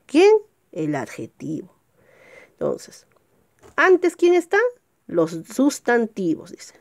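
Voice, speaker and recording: A woman with a darkish tone teaches grammar in a recorded lesson. She checks in with rhetorical questions, lingers on example words to stress them, and leaps up in pitch as she moves to each new point.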